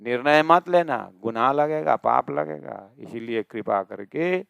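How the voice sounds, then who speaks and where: A male religious teacher giving a scripture discourse, chanting verses slowly and explaining them with emphatic, rising questions. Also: mid-range voice, lively intonation, vocal fry, a bit bright, clear, resonant tone, no echo, highs cut off.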